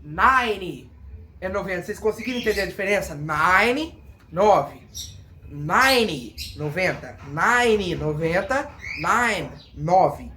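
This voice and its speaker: A woman with a Brazilian Portuguese accent teaching a casual English lesson, repeating words slowly to drill pronunciation. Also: on the low side, lively intonation, sharp tone, a little hiss or hum. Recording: echoey room with birds outside.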